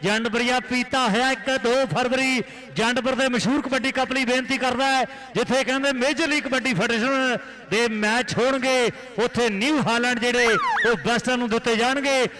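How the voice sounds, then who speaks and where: A man commentates a rural kabaddi match in a frantic style with an Indian Punjab accent. His voice is pitched extremely high and cuts through brightly, and he fires off repeated names and phrases in excited bursts. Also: normal speed, few pauses, rough recording. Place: live commentary at a village kabaddi tournament ground.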